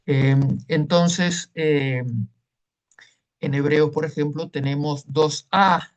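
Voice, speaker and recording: A man's voice: a little high, fairly even intonation, extremely slow, muffled recording. A man teaching a Hebrew class online, explaining patiently and checking in with listeners as he goes.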